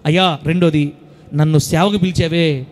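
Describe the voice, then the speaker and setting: A man's voice: on the high side, fairly even intonation, normal speed, voice pushed down, close to an everyday voice. A male preacher voicing Peter as a remorseful fisherman lamenting before his master. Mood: grieving.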